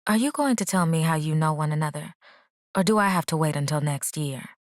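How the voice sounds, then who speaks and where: A woman's voice: low-pitched, lively intonation, a little fast, dry recording, studio quality. A woman voicing a nosy young female cousin in an audiobook, with playful, sly teasing.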